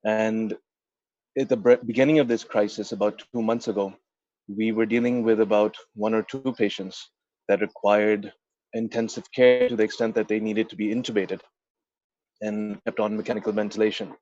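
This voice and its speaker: A man's voice: on the low side, little pitch movement, moderate pace, darkish tone, dry recording. Pakistani guy doctor giving a talk on a video call, kinda muffled dry sound. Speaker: intensive care doctor, guest speaker. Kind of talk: prepared talk on an online meeting. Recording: dull, lo-fi video call audio.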